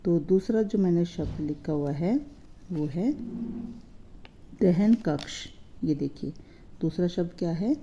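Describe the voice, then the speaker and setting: A woman with a lowish, mellow voice and lively intonation teaches a lesson as a Hindi teacher, with a little hiss or hum in the audio. She patiently explains word meanings, repeats words slowly, and asks and answers her own questions.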